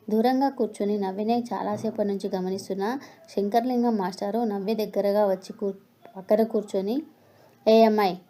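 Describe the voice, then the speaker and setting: A woman narrating a story with steady, expressive reading. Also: mid-range voice.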